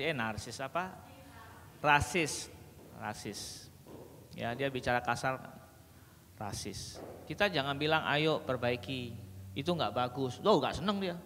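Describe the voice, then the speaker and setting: A man speaking to an audience in a hall, telling stories and acting out dialogues with humour. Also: medium pitch. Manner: animated storyteller who acts out dialogues with humour. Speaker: speaker at a parenting sharing session. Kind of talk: lively seminar talk to an audience. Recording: reverberant hall, faint background noise.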